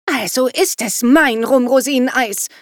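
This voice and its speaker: Female reader voicing a demanding teen daughter, sharp tongue, raised pitch. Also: sing-song, brisk, dry recording, studio quality. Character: teen girl, bossy and irritable.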